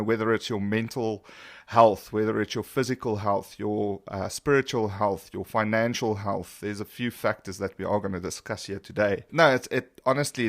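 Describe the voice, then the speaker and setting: A man with a fairly low voice talks in a dry, close-sounding space. He speaks as a self-help influencer and podcast co-host, chatting casually, candid and encouraging. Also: dry recording.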